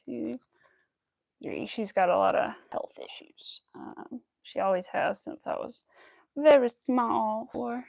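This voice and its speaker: Her voice a little high, gravelly and a bit mellow, an American woman in her early 30s takes it slowly while chatting on a crafting livestream. She rambles casually and counts stitches aloud as she crochets, with no echo on the recording.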